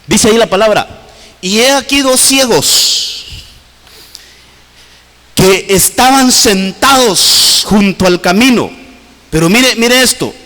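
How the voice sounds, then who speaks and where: High-voiced fervent preacher man. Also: slow, pauses often, sharp tone. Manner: fervent preaching with sweeping pitch swings, repeatedly addressing "hermano". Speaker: pastor. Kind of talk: sermon. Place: church hall. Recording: long church reverb.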